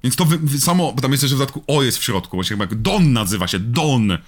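A man's voice: medium pitch, lively intonation, quick pace. Playful rambling man reviewing a film. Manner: playful, rambling, jokingly shouts out names. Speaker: podcast co-host. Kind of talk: casual film-review chat.

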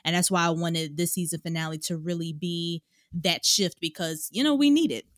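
A woman's voice: lowish voice, normal speed, dry recording, clean studio sound. A woman hosting a podcast, chatting casually and upbeat, often addressing listeners as y'all. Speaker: podcast host.

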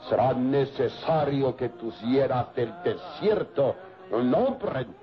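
An actor playing a gross, hulking German bandit in an old radio drama, taunting and drawn-out, with coarse, brutal laughter in his manner. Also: mid-range voice, lively intonation. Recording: dull lo-fi radio recording with music.

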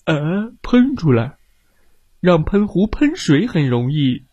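A man's voice: on the high side, big pitch swings, takes it slowly, mellow, slightly rough, no room sound, muffled recording, heavily acted. A man voicing a big, clumsy male bear doctor in a storybook, groaning and mumbling in bewilderment. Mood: bewildered.

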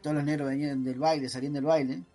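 Man, Rioplatense accent, fairly high voice, slangy joking banter, swearing, faint music. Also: flat delivery, rapid-fire, dark tone. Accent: Rioplatense Spanish. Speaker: podcast co-host. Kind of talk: casual banter.

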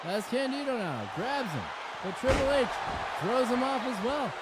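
A man doing an excited wrestling commentator, calling moves play-by-play in a punchy, emphatic, often shouting delivery. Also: very high-pitched, moderate pace. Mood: punchy, focused. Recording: very noisy, loud crowd behind. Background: loud crowd noise.

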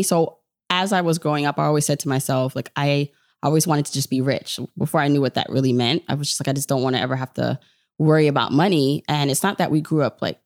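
This personal finance podcaster, a woman in her 30s of Jamaican birth and New York upbringing, speaks as a podcast guest in a low voice. The audio is clean studio sound with no room tone. Her manner is informal and chatty, storytelling with lines of quoted self-talk.

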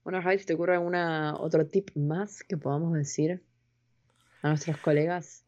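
A woman co-hosting a casual podcast chat, relaxed and agreeable, answering with short affirmations. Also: deep voice, normal speed. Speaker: podcast co-host. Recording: dull lo-fi sound.

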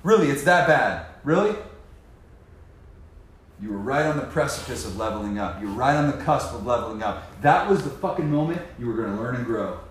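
Man, mid-pitch, slangy motivational talker on sobriety, swearing often, swinging from quiet asides to loud preaching; very roomy echo, faint ambience. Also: animated, fast, hardly any pauses, slight background noise. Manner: swings from low muttering to loud emphatic preaching, heavy cursing, slangy. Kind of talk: impassioned motivational monologue. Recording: very echoey room.

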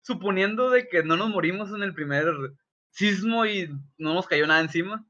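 Bright-voiced young man, lo-fi. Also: high-pitched, normal speed. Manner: slangy, swearing, animated asides. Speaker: podcast co-host. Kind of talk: casual chat. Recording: dull lo-fi sound.

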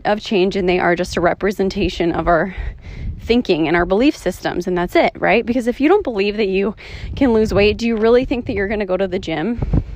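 A woman's voice: medium pitch, a little mellow, a little hiss or hum. A woman in her thirties talking casually and motivationally while out on a walk, a little out of breath, with lots of "like" and "right?". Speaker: vlogger. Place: outdoors on a walk.

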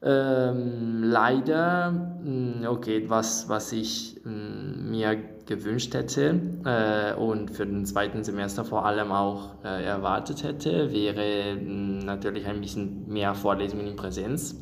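Young Italian man, gravelly hesitant German. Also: on the low side, steady tone, slow, few pauses, slight background noise. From Italy. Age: young adult. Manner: hesitant, many fillers and restarts in a second language. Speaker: interviewed exchange student. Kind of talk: casual interview answers.

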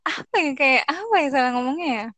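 A young woman, co-hosting a casual podcast and telling stories in an animated way, acting out the voices she quotes. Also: sits high, brisk, no room sound. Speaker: podcast co-host.

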